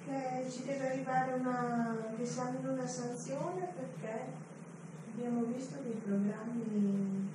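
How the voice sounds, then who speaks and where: A woman's voice: on the high side, fairly even intonation, a little slow. A middle-aged woman from Italy talking casually with her family at home. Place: indoors at home, far from camera. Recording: very noisy, echoey, distant hidden camera.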